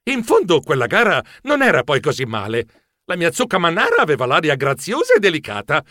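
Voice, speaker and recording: A man's voice: a little high, wildly swooping pitch, a little fast, pushed and bright, dry recording, clean studio sound. A man narrating a children's story in a playful, theatrical way. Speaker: audiobook narrator.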